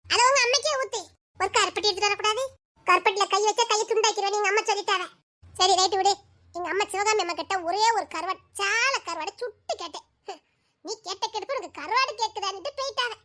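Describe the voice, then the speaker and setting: A woman's voice: very high voice, brisk, bright, forceful tone. A woman, playing two teasing girlfriends in a comedy skit with playful, melodramatic chatter. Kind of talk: village comedy skit dialogue.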